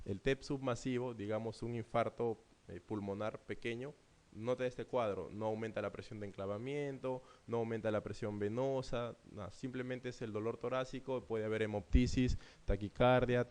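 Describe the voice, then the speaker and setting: A man going through medical exam questions in a conversational lecture, often checking in with quick asides. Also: fairly low pitch, dark tone. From Peru. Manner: conversational, checks understanding with frequent "¿no?" and "¿ya?".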